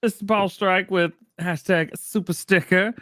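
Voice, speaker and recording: A man's voice: high-pitched, steady tone, a little slow, a bit bright, dry recording, clean studio sound. A man hosting a livestream, chatting casually and laughing often, with playful sound effects. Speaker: livestream show host.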